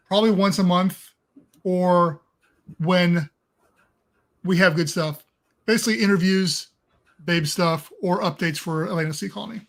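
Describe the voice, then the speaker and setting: A male co-host with a notably high-pitched voice talks through a live stream. His phrasing is informal and folksy, in the style of casual chat rather than a prepared script.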